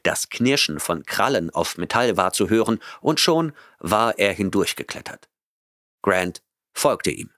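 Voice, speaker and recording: A man narrating a science-fiction audiobook in a measured, even storytelling manner on a close studio mic. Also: on the low side, no echo. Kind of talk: scripted narration.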